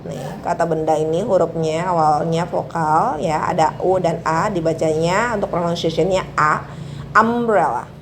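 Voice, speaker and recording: A woman's voice: lowish voice, steady tone, normal speed, hardly any pauses. A woman with an Indonesian accent explains an English grammar lesson to students. She works through it step by step, repeats each example word and keeps checking that they understand. There is faint background noise behind her voice. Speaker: English teacher.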